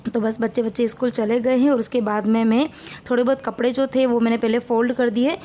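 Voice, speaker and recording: A woman in her thirties talks through her morning chores and cooking as a family vlogger. Her slightly high voice has a mellow, warm tone. She chats in a rambling, homely way. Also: little pitch movement, a little fast, slight background noise. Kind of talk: casual vlog narration.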